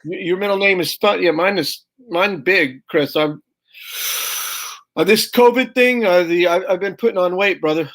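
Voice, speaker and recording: A guest comedian on a video call fires off brash, punchy stand-up jokes and keeps calling the host "brother." His voice is high and fairly bright, and he talks at a moderate pace.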